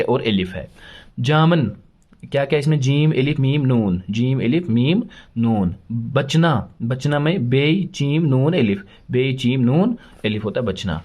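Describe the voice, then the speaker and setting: A man's voice: mid-range voice, darkish tone. Patient male teacher spelling out letters. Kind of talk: children's alphabet lesson.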